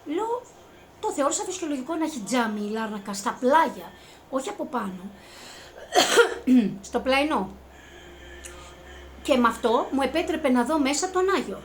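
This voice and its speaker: High-voiced woman, earnest personal testimony, climbs into excited retelling; light room ambience. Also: pauses often, slight background noise. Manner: earnest, rising to high-pitched excitement when reliving events. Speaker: vlogger recounting a personal experience.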